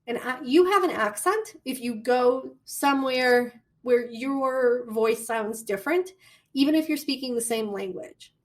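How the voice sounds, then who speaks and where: A woman with a Midwestern American accent giving a recorded college lecture, chatty and animated, with storytelling asides. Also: a little high, a little slow. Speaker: college communication instructor.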